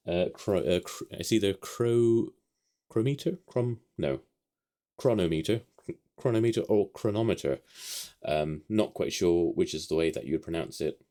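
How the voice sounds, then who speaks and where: A man from the United Kingdom, with a low, warm voice, rambles casually through a vlog update from his home office. He uses lots of ums and restarts.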